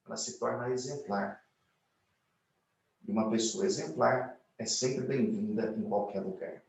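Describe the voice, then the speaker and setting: A man's voice: lowish voice, unhurried, vocal fry, darkish tone, recorded from a distance. A man giving a motivational lecture on communication, asking the audience rhetorical questions and acting out little quoted lines. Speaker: speaker giving a corporate talk. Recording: very echoey room, mic set back.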